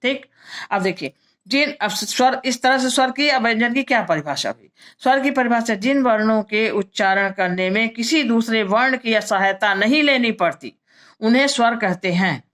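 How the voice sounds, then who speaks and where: A woman teacher walks through a grammar lesson in a slightly high voice. She explains patiently, repeats each point, and checks in with her listeners as she goes. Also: expressive, normal speed, fairly bright tone. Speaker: Sanskrit teacher.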